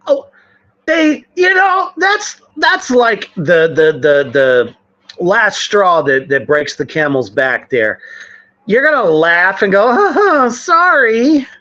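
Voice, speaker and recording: Slow, low-voiced woman with lively swings. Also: highs cut off. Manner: animated, swears freely. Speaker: co-host of a live variety show. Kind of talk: casual profane chat.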